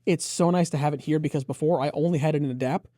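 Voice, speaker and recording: A man presents a product review in a mellow, relaxed, slightly high voice, talking fast. He's conversational and enthusiastic, going through the features in detail, and the sound is dry, with no room sound.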